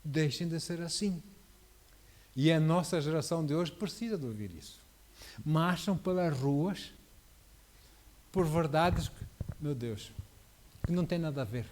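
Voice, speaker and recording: A man preaching, his voice sitting a little high. He presses his points with rhetorical questions and swings between loud and soft. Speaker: pastor. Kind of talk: sermon.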